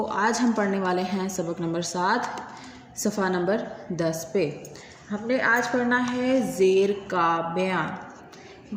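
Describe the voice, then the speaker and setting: A woman teacher with a Pakistani Urdu accent, giving a patient classroom lesson and slowly sounding out letters. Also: medium pitch. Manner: patient, drawn-out letter recitation. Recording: echoey hall, faint room noise.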